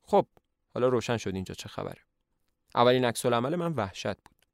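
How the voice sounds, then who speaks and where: A man's voice: medium pitch, lively intonation, gravelly, no room sound, studio quality. A man doing a polite, hesitant young teacher. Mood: earnest. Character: earnest young male teacher, polite and nervous.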